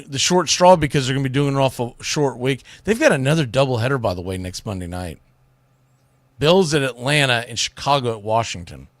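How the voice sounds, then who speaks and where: A man hosts a sports talk show, speaking straight to his listeners with casual, opinionated commentary in colloquial language. His voice is a little high and fairly bright, recorded dry with clean studio sound.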